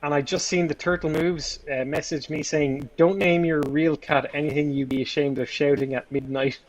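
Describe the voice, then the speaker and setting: A man's voice: fairly high pitch, steady tone, normal speed, poor audio. A man chatting casually on a voice call, rambling and playful, laughing often. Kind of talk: casual chat.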